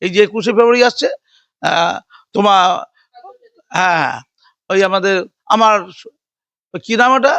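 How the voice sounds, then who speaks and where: Older man, interviewee, high and fast, dry close sound; combative, sarcastic, rambling. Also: vocal fry, a bit bright, no echo, muffled recording. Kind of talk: heated political interview.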